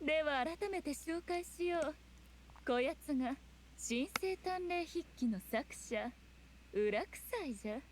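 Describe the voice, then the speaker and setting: A regal fox shrine spirit for a game in a high voice. She is haughty, teasing and composed, speaking in archaic noble phrases over faint noise. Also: lively intonation, slow pace. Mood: composed explaining. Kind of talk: video game voice acting.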